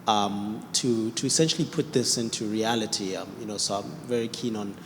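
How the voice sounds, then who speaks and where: A man's voice: on the low side, brisk, in a large hall, slight background noise. Man judge asking from a distance. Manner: hesitant, searching for words. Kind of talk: panel question.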